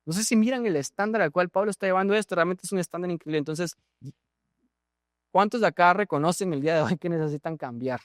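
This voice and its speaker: A Guatemalan pastor preaches to his congregation, throwing questions at the listeners and doubling back on his words as he goes. His voice sits a little high for a man. The sound is dry and close, with little room echo. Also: quick pace. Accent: Guatemalan Spanish. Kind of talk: sermon. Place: church.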